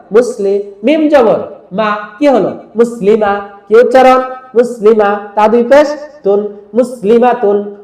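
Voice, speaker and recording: A man's voice: high-pitched, darkish tone, reverberant. A man teaching Quran reading, drilling pronunciation and quizzing with repeated questions for other teachers to use with children.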